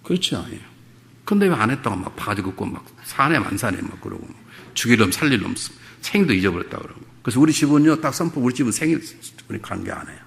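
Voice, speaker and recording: A man's voice: medium pitch, sing-song, fast talker, creaky. A middle-aged male pastor preaching a revival sermon, moving between humorous storytelling and fervent exhortation.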